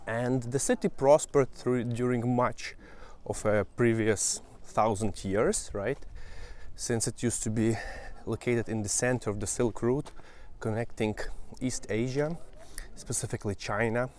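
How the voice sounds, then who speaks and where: With a mid-range voice and darkish tone, a man gives casual travel commentary while walking outdoors through an old town, pointing things out to viewers. He's a travel vlogger from Western Ukraine, a native Ukrainian speaker with a Ukrainian accent.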